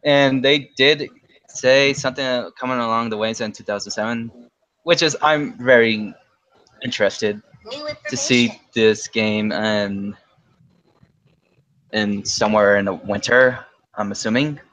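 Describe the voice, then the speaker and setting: Man, excitable, swears a lot, casual gaming chat. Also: mid-range voice, a little slow, pauses often.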